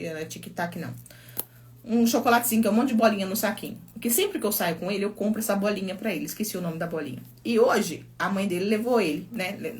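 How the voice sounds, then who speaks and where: Middle-aged Brazilian woman, psychologist hosting a live stream, chatty anecdotal delivery, phone mic. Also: medium pitch. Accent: Brazilian Portuguese. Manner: chatty storytelling, reads viewer comments aloud. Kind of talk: casual live-stream chat.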